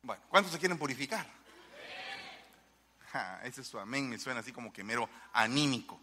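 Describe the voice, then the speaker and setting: A man preaching a lively sermon, firing rhetorical questions at the congregation. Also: mid-range voice, fairly quick.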